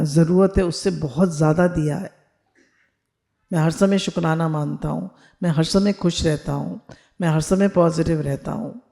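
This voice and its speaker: Over a video call, a woman spiritual teacher leads listeners in affirmations they repeat back, blending Hindi with English phrases. Her voice is on the low side with a dark tone.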